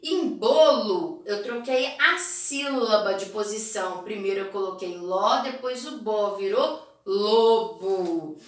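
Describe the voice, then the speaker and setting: A woman teacher with a Brazilian Portuguese accent explaining a phonics exercise, stretching words out slowly. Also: medium pitch. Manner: slow, stretched-out word pronunciation. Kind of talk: video lesson correcting phonics homework. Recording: echoey room, voice a bit far from mic.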